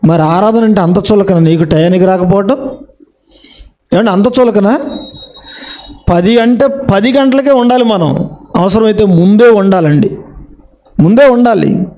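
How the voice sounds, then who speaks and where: A man's voice: high voice, measured pace, pauses often, mellow. A middle-aged man from India preaching in church, questioning the congregation with rhetorical questions. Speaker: pastor. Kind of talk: Telugu sermon.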